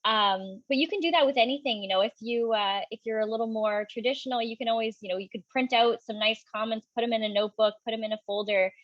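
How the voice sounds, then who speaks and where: A woman's voice: fairly high pitch, fast talker, hardly any pauses, no room sound, highs cut off. A young adult woman moderating an interview, supportive and rambling with many fillers. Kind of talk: casual conversational interview.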